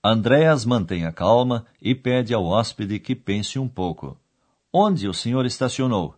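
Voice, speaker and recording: Husky, animated man presenting a radio course. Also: medium pitch, unhurried. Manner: didactic, clearly explaining. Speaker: radio language course host. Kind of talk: scripted educational narration.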